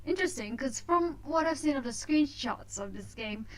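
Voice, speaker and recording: A woman's voice: sits high, expressive, normal speed. Hesitant woman hosting a casual let's play. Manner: hesitant, self-conscious about voice acting. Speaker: host of a visual novel let's play. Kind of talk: casual let's play chat with read-aloud narration.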